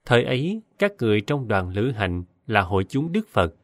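A man giving a measured, solemn scripted narration of a Buddhist scripture story. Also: fairly low pitch, big pitch swings, no echo, studio quality.

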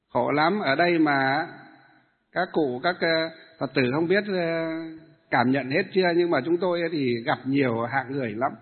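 A Buddhist monk giving a dharma talk to lay followers, asking the audience questions and then answering them himself. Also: male voice, fairly high pitch, slightly rough. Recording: tinny phone-like sound in a hall with long reverb.

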